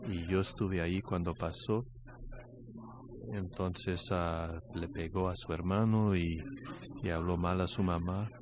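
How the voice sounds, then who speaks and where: An older man, a grandfather, preaching a sermon in a halting way, often repeating words as he goes. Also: sits low, fairly even intonation. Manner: halting, repeats words, grows louder telling a story. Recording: dull lo-fi sound, faint background noise.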